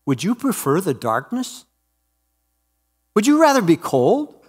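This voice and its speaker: A preacher voicing a calm, gentle stranger who speaks softly and slowly as a reassuring fire builder. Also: male voice, sits high, slightly rough, pitched above the performer's own voice, exaggerated voice. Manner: soft, slow and reassuring. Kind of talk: sermon storytelling.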